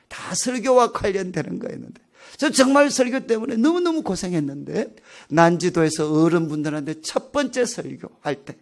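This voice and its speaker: Man, pastor, revival sermon, high-pitched, lively storytelling. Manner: animated storytelling, acting out his own outbursts.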